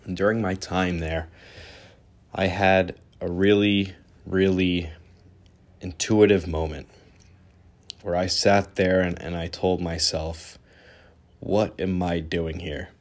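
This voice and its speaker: A young man with a deep, low voice hosts his own podcast and tells his life story straight to the listener. He speaks earnestly and candidly, now and then restarting a word. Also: flat delivery, slow pace, pauses often. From born in Israel, raised in New York. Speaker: podcast host. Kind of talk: personal storytelling monologue.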